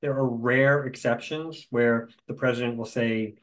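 A middle-aged man, a guest in a conversation, telling stories in a lively way with dry humor. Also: mid-range voice, a little slow, low-quality recording.

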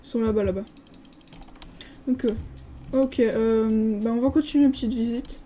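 A woman's voice: a little high, steady tone, moderate pace, warm tone, slight background noise, rough recording. A French woman giving a casual, hesitant commentary while touring a game server, reading signs aloud with lots of filler sounds. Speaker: gaming video creator.

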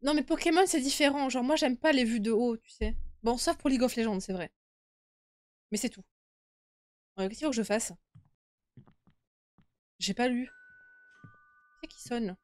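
A woman's voice: on the high side, normal speed, pauses often, darkish tone, no room sound, clean studio sound. A young woman streaming a horror game with casual live commentary, uneasy and easily scared, chatting to her viewers. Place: indoor room at home.

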